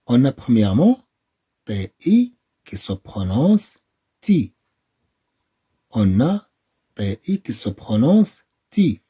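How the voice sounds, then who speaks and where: Moroccan guy teaching french sounds super slow, dark husky voice, repeats every syllable. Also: medium pitch. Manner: spells letters then sounds them out, repeating each syllable. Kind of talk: slow phonics lesson for beginners.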